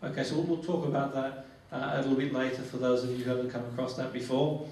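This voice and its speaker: A man's voice: mid-range voice, fairly even intonation, fast talker, darkish tone. A man leading a training demonstration in guided relaxation, instructive and repeating his phrases. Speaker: phobia therapy trainer. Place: echoey training room with a group. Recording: very echoey, distant mic, faint noise.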